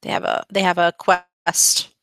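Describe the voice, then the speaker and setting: Bright, crisp-voiced woman explaining casually. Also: lowish voice, level tone, a little slow, dry recording, poor audio. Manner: chatty and upbeat, with frequent ums. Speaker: kids' coding club instructor. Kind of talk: screen-recording tutorial walkthrough.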